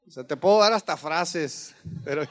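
This pastor preaches an earnest, conversational sermon, calling his listeners brothers and firing rhetorical questions at the congregation. His voice is fairly high and fairly bright, moving at a moderate pace.

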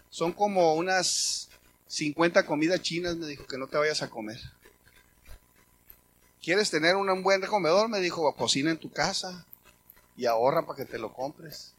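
A middle-aged man with a Mexican accent preaches in a conversational, story-driven way, acting out remembered conversations. His voice sits high and sounds bright and forward. A faint hum of room noise lies under the sermon. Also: moderate pace. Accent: Mexican Spanish. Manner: conversational storytelling, animated quoting. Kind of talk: sermon testimony.

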